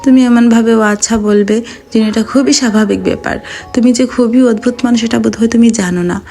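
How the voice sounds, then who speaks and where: Gravelly-voiced woman reading a story. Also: a little high, fairly even intonation, fairly quick, warm tone. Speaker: audiobook narrator. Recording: faint background music.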